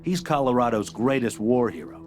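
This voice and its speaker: An actor playing a friendly, slick male marshal who talks in a relaxed, joking way. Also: medium pitch, moderate pace, lightly acted. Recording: game audio with music.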